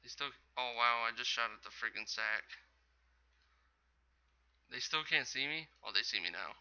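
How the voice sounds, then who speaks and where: A man's voice: mid-range voice, normal speed, bright, forceful tone, smooth, lo-fi sound. A man giving casual, rambling commentary over his own gameplay as host of a gaming channel, often correcting himself. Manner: rambling, chatty, self-correcting.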